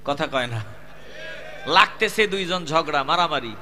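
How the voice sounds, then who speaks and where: Preacher guy, tense forceful voice, shouts then sing-song lows. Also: lively intonation, unhurried. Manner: emphatic, swings between loud calls and low chanting. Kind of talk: Bengali waz sermon.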